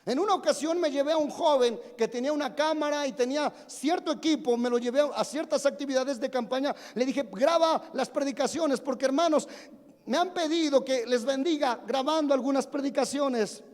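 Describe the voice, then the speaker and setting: Brisk and darkish in tone, this very high male voice belongs to a pastor in his forties. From the sanctuary, with a long church-hall reverb, he preaches, shares amusing stories about himself and poses questions to the congregation.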